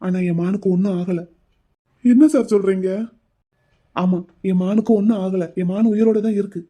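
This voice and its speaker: A man voicing a troubled young man in an animated drama, speaking earnestly and with distress. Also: high-pitched, moderate pace.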